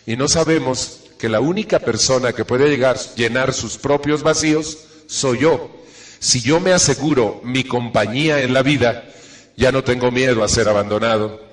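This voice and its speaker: A man's voice: mid-range voice, moderate pace, big-room sound. A middle-aged man, giving an earnest self-help talk to a live audience and checking in with rhetorical questions.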